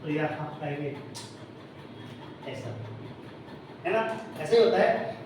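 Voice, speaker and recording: A high-pitched man teaches a classroom lesson, spelling out words letter by letter and quizzing his students. He is picked up from across the room, so his voice rings with heavy echo over a faint hum of room noise. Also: sing-song, slow. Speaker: English tutor. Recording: echoey room recorded from a distance.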